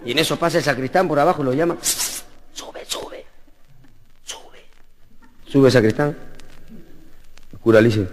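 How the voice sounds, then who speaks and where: A man telling jokes as a stand-up comedian, animated and chuckling. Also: medium pitch, fast talker, long pauses, big-room sound, slight background noise. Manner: animated, jumps into voices, chuckles. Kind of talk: joke telling to an audience.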